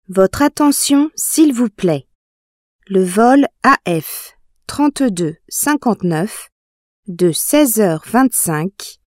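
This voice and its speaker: A woman playing an airport announcer, reading a flight notice in a formal, measured way. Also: on the high side, darkish tone, no room sound, studio quality. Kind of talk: scripted public announcement.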